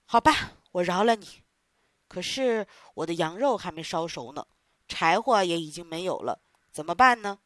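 A woman voicing a scary, gruff, bearded male theatre boss in a storybook reading, talking lower and commanding. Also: lively intonation, moderate pace, no echo, studio quality, close to an everyday voice. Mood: softened.

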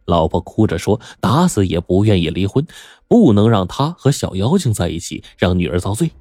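A male storyteller narrating a crime tale in a lively, colloquial storytelling way. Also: sits low, normal speed, no echo, clean studio sound.

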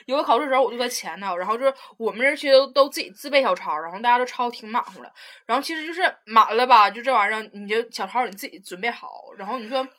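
A woman's voice: a little high, racing. A young woman, telling stories in a casual chat and laughing often. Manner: animated storyteller, laughs often.

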